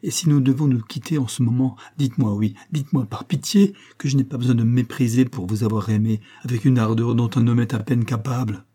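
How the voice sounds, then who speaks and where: A man reading an audiobook, voicing an honorable army captain who speaks gravely and insistently to his fiancée. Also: medium pitch, normal speed, mellow, lightly acted. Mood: anguished.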